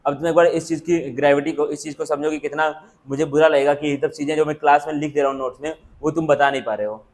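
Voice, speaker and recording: Stern lecturing man, slightly high voice. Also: fairly even intonation, quick pace. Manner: stern, lecturing, repeats himself. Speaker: coaching teacher. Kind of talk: scolding a classroom lesson. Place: classroom.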